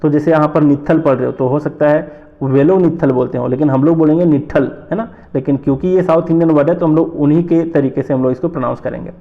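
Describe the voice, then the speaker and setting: A man from North India teaching an exam-prep lesson, explaining slowly, repeating terms and asking rhetorical questions. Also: fairly high pitch, gravelly, narrow, tinny audio.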